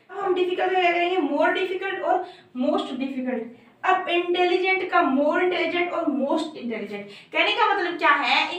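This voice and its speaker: A woman teaching English grammar, asking rhetorical questions, often checking in with her students, and slowing down to spell out each example. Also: very high voice, fairly bright tone. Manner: repeats "ठीक है" and asks rhetorical questions, slows down to spell out examples. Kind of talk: lesson explaining grammar. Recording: very echoey room, voice far from mic.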